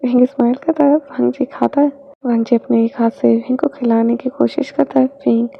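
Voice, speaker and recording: Gravelly high-voiced woman reading a story. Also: fairly even intonation. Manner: slow, dips to whispers at tender moments. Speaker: story reader. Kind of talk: reading fanfiction aloud. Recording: dull lo-fi recording.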